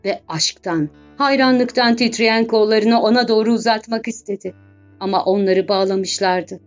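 A woman reading a classic novel aloud as scripted narration, measured and expressive with dramatic pauses. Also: medium pitch. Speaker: audiobook narrator. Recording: dull lo-fi audio with faint background music.

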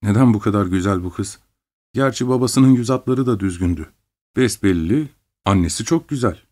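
A man narrating a story in the first person with a measured, dramatic reading. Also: fairly low pitch, lively intonation, a little mellow. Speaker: audiobook reader.

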